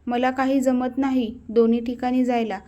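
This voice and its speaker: A woman's voice: a little high, flat delivery, normal speed, mellow, muffled recording, lightly acted. A woman reading a cheerful businessman father. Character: middle-aged man, cheerful businessman father.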